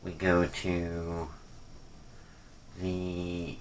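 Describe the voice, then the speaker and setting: A man's voice: deep voice, completely flat delivery, extremely slow, slight background noise. A man giving a casual, off-the-cuff rant review, rambling and hesitant, often trailing off, with a critical, unimpressed manner. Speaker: wrestling pay-per-view reviewer.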